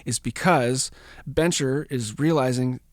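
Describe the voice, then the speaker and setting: A man's voice: medium pitch, measured pace, no echo, studio quality. Joking, profane podcast host, a man. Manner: profane, jokey, rambling. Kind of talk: casual storytelling recap.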